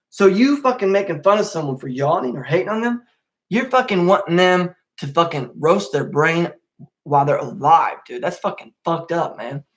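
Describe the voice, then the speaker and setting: A young man hosting a casual solo podcast, rambling and swearing a lot, getting worked up and then calming down. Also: fairly high pitch. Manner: rambling, profane, easily worked up. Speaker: podcast host.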